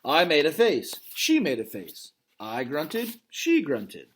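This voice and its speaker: A man reads a children's novel aloud, voicing its gentle, thoughtful male gorilla narrator calmly and reflectively. His voice is on the high side and husky, slow and heavily acted, with a wistful mood.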